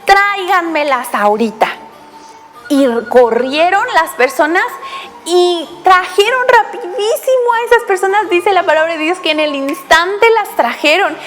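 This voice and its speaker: A woman giving a children's Bible lesson, speaking straight to the child with many questions and lively storytelling. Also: very high-pitched, moderate pace, big-room sound, faint music behind. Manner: addresses the child directly with frequent questions; animated storytelling.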